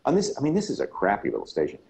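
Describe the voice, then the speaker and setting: A middle-aged man and radio broadcaster in casual chat, telling stories in a relaxed way. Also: racing, vocal fry, crowd noise, low-quality recording. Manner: relaxed storyteller, slips into deep announcer voice.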